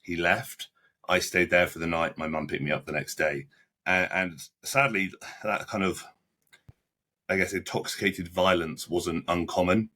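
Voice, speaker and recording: A young man in his twenties, a podcast guest recounting events in casual interview talk, halting and blunt, often restarting his sentences. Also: deep voice, fairly even intonation, pushed and bright. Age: 20s. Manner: halting, frequent restarts and repeated words; blunt, plain-spoken with British slang.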